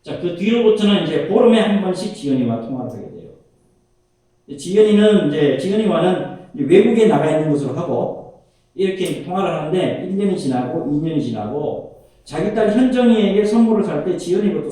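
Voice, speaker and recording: Animated male storyteller in an echoey room. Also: fairly high pitch, brisk. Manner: animated, varies his delivery and acts out quoted voices. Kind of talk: spoken storytelling. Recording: very echoey room, distant mic.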